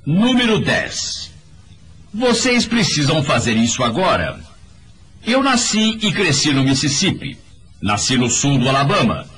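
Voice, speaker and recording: A man delivers a motivational talk with a preachy, emphatic manner. His pitch swings wildly from low to high as he presses each point. He speaks straight to his listeners, with a faint hiss underneath. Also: big pitch swings, unhurried, a bit bright. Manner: emphatic, preachy, addresses the audience directly. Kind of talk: motivational speech in a voice-over.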